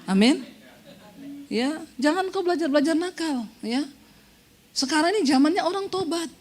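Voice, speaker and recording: A woman pastor preaching a lively sermon, playful and teasing toward her congregation, acting out the voices she quotes. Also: sits high, moderate pace.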